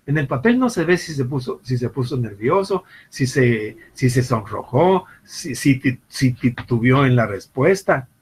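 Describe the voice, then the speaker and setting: Husky-voiced man lecturing on law. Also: mid-range voice, very animated, unhurried, hardly any pauses, poor audio. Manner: repeats and restarts words while explaining, acts out little scenes in quoted voices. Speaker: law professor. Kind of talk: university lecture. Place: classroom or online class.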